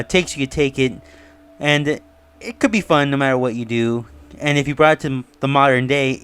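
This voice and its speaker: Speaking in a clear, resonant, medium-pitched voice with a fairly bright tone, a man hosts an online review. He talks conversationally through his views and theories, often going off on asides.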